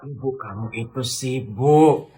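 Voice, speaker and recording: A man voicing a gentle, sickly father who talks softly and wearily to his daughter. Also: mid-range voice, slow pace. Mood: resigned. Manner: soft, weary and resigned.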